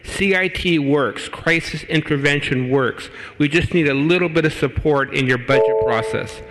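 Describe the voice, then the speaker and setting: A man's voice: on the high side, moderate pace, a bit bright. A man, a volunteer advocate, making an earnest, persuasive appeal during public comment at a city board meeting. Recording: long hall reverb.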